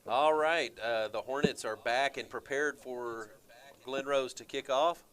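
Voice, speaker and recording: A man doing play-by-play for high school football radio, chatty and relaxed with lots of fillers. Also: measured pace, a little hiss or hum. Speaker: play-by-play announcer.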